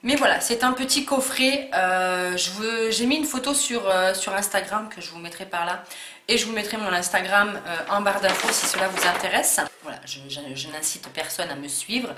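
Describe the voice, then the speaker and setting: A woman's voice: medium pitch, normal speed, pushed and bright. A woman chatting through a casual unboxing vlog, hesitant, with many fillers and restarts. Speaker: beauty vlogger. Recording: echoey room with faint noise.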